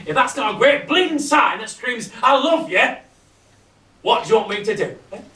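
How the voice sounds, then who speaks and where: A man playing a gruff, bitter old patriarch. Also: very high-pitched, very animated, normal speed, sharp tone, exaggerated voice. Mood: ranting. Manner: blunt, ranting, scornful. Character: embittered gruff old working-class family patriarch. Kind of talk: amateur stage farce acting. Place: theatre stage. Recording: echoey stage recording from far off.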